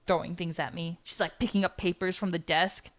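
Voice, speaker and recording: A young woman streamer telling a story animatedly, laughing and swinging between hushed whispers and squeals. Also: fairly low pitch, steady tone, a little fast. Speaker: vtuber streamer.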